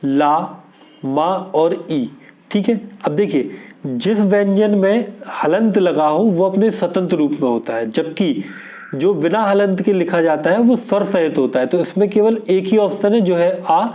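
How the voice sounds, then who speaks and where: A man's voice: sits high, animated, measured pace, warm tone. A man teaching an exam prep lesson, going through questions steadily and asking and answering his own questions.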